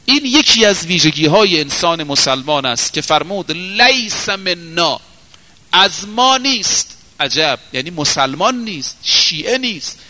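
A long reverb tail trails the high-pitched, expressive voice of a man delivering a sermon. He tells a story dramatically, moving between raised exclamations and quiet, slowed sections.

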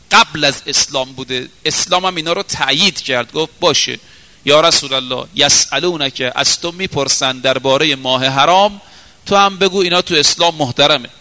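A man preaching a sermon, telling a story dramatically and moving between raised exclamations and hushed, slowed passages. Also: fairly high pitch, in a large hall.

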